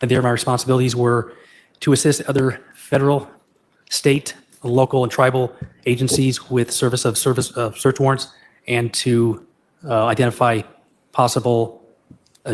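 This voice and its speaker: A middle-aged man giving formal testimony as an expert witness, measured, matter-of-fact and halting. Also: mid-range voice, level tone. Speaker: expert witness, retired state trooper and forensic analyst. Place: courtroom. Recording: faint background noise.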